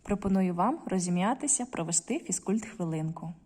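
Woman, teacher, recorded lesson for children, clear deliberate pronunciation, reverberant room. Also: on the low side, expressive, a little mellow. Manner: slow careful word-by-word reading, stressing syllables.

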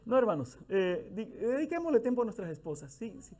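High-voiced man preaching casually. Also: sing-song, brisk, darkish tone. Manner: conversational, folksy, acts out quoted dialogue. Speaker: minister. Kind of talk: sermon.

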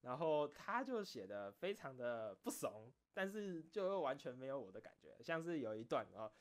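This streamer and game content creator speaks in a sing-song, medium-pitched voice at a moderate pace. During a casual late-night chat he rambles through personal stories, frequently repeating phrases to stress a point.

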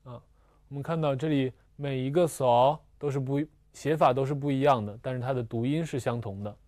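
A man teaching a language lesson, slowly explaining spelling and pronunciation with patient repetition and small fillers. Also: mid-range voice, steady tone, darkish tone, dry recording, clean studio sound. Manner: slow and patient, repeats syllables twice, fillers like "啊" and "呃". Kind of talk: slow, deliberate classroom explanation.

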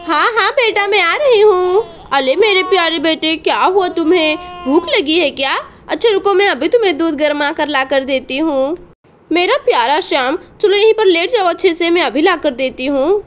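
A woman voices a kind village mother in a doll storybook tale. She speaks gently and patiently, and her voice is very high. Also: moderate pace, a little hiss or hum. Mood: caring. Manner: gentle, soothing, advising.

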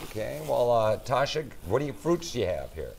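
A man's voice: medium pitch, sing-song, fairly quick, gravelly, darkish tone, slight background noise. A man hosting a live TV cooking segment in a studio kitchen, bantering and joking with guests. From Minnesota. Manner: jokey, playful teasing. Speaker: TV show host.

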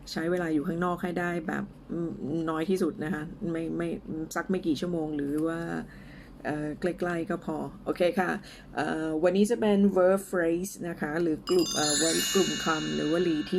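A Thai woman teaching English in a casual lesson, speaking slowly and carefully as she drills pronunciation, with a few fillers. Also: fairly low pitch, a little mellow, a little hiss or hum.

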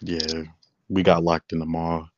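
A man's voice: sits low, completely flat delivery, measured pace, no room sound, highs cut off. A man on a livestream call, talking in a laid-back, flirty way. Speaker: livestream guest. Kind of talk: casual flirty chat.

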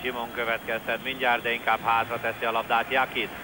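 A man's voice: medium pitch, completely flat delivery. A man giving live football commentary in a conversational way, with clipped calls of players' names. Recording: noisy old TV broadcast, stadium ambience. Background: stadium crowd noise.

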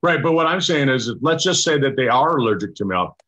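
An older man, a doctor, explaining a product in casual chat over a video call, halting with many restarts and fillers. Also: medium pitch, lively intonation, a bit bright, slightly rough. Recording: dull lo-fi video call audio.

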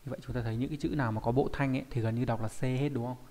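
A man's voice: mid-range voice, fairly even intonation, rapid-fire, dark tone. A man with a Vietnamese accent teaching a Japanese kanji lesson online, explaining each character step by step and often checking in with his students.

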